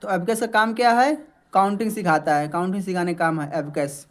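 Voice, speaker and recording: A male teacher walks through vocabulary in a classroom-style lesson. He asks his own questions and answers them, then checks in with a quick "okay." He says each word slowly and more than once so learners can copy it. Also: sits high, fairly even intonation. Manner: repeats words slowly to model their pronunciation. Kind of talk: classroom-style lesson explaining English words in Hindi.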